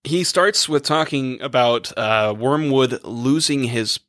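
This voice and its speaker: A young priest who co-hosts a podcast chats casually and reads letters aloud, his voice fading after a long day. His mid-range, slightly bright voice moves slowly as he rambles and thinks aloud with many fillers. The studio-quality recording is dry.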